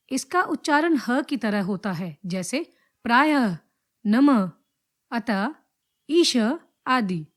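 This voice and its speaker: A woman teacher reading a grammar lesson aloud, spelling out example words one at a time in a slow, deliberate way. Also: a little high, a bit bright.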